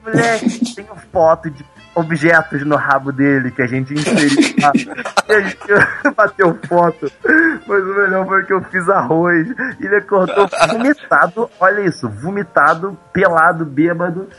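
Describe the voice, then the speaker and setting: A young Brazilian man telling a comic story on a podcast, animated and often laughing. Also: fairly high pitch, normal speed, faint music behind. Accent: Brazilian Portuguese. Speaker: podcast co-host. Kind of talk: casual chat, comic storytelling.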